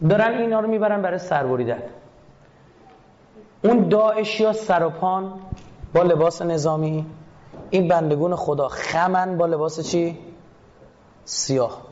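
Man, media critic, lecture, rhetorical questions to the audience, higher-pitched voice, muffled sound. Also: pauses often, a little mellow, a little hiss or hum. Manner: asks the audience questions and answers them himself. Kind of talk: lecture analysing a film clip.

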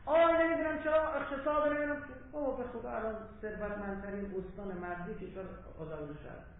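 A man giving an impassioned public lecture in a hall, swinging between loud urging and low asides. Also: gravelly. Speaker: religious lecturer. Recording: very echoey hall, tinny phone-like sound, faint hiss.

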